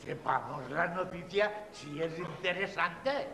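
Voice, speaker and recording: A man playing a nosy, skeptical slave creature in a theatrical comic dialogue, teasing with drawn-out delivery. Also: fairly high pitch, animated, vocal fry, background noise, full character voice. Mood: curious. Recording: very echoey hall, crowd sound behind.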